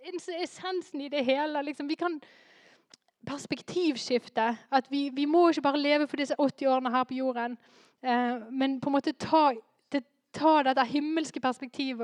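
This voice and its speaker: A woman preaching a sermon in a lively way, rising to fervent emphasis. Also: high-pitched, no echo.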